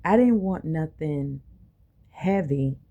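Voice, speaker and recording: A woman with a low, gravelly voice speaks in an impassioned personal monologue. Her phrasing is informal and emphatic, leaning on rhetorical questions, and she takes her time at a slow pace. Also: expressive, dark tone, muffled recording. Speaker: medical clinic worker.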